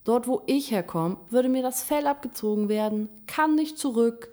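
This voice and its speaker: A woman's voice: a little high, pitched above the performer's own voice, natural voice. Woman doing a laid-back, unbothered raccoon dog. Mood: calm. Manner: calm, unbothered, drawn-out.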